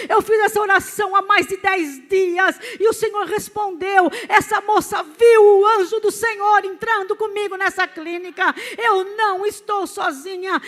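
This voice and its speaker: In a church, a pastor in her fifties with a Brazilian Portuguese accent gives a heartfelt, emotional sermon that includes her own testimony. Her voice sits at an extremely high pitch and has a fairly bright tone.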